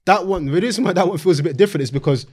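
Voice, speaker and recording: A man's voice: high voice, racing, a little mellow, slightly rough. A man with a London accent and urban slang hosting a casual panel discussion, insistent and repeating his phrases. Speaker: football podcast host.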